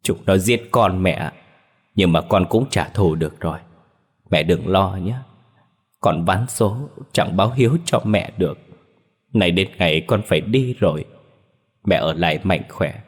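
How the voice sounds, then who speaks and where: A man voicing the weeping ghost of a young man in a horror story, sobbing and pleading softly. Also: low-pitched, measured pace, pauses often, breathy edge, big-room sound. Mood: mournful.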